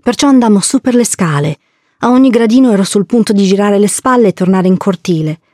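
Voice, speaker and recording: A woman narrating a first-person story in a measured, reflective way, as an audiobook narrator. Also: mid-range voice, animated, dark tone, no echo, clean studio sound.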